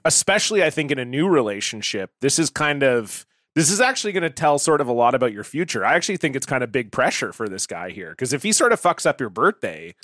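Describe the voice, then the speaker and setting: A man in his thirties co-hosts a podcast with a wry, joking manner. His pitch moves a lot, and the sound is dry and close. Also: sing-song, quick pace, hardly any pauses, a bit bright, no room sound. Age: 30s. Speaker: podcast co-host. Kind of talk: casual chat.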